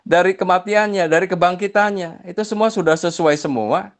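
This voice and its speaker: A man's voice: high voice, moderate pace. Chiding man explaining his faith. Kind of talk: religious debate voice notes.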